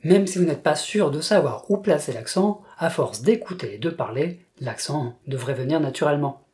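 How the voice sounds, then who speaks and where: A speaker from France narrating a scripted language lesson in a measured, explanatory way. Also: medium pitch, animated, a little mellow. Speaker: language teacher.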